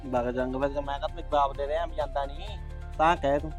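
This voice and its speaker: A man's voice: medium pitch, fairly even intonation, faint music behind, natural voice. A man with a Punjabi accent playing a brusque young farmer husband who waves off his wife's wishes. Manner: brusque, grumbling, quick. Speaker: actor in a short film. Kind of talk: village short-film acting.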